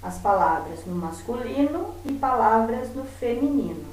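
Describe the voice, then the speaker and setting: A woman teacher, giving a remote lesson to her pupils and patiently saying example words slowly so they can hear them. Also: a little high, expressive, darkish tone. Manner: patient, repeats words slowly to model stress. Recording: very echoey room, voice from far off.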